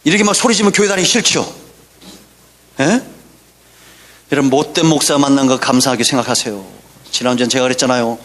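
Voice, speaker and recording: A man preaching a fiery sermon as pastor, breaking into shouted bursts and throwing rhetorical questions at the congregation. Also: mid-range voice. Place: church sanctuary.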